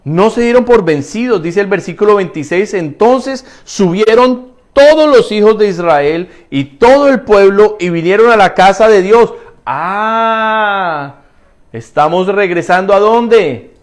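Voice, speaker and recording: A man's voice: high-pitched, expressive, moderate pace. A man preaching a sermon as pastor, asking rhetorical questions and answering them himself, repeating phrases for emphasis and speaking straight to the congregation. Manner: addresses the congregation directly.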